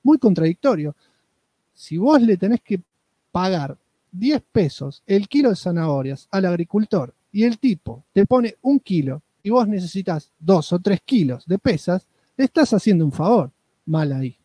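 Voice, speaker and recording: This man speaks Argentine Spanish in a high, light register and hosts a casual podcast. His tone is mellow and dark in color, and the sound is dry and close. He teases and jokes with mock outrage. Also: very animated, moderate pace, dry recording. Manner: joking, mock-indignant, playful. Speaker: podcast co-host reading listener comments.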